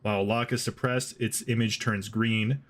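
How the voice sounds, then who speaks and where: A man's voice: on the low side, flat delivery, normal speed, a bit bright. A man acting as game master, explaining rules and the map step by step to his players. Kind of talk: narrating a tabletop game.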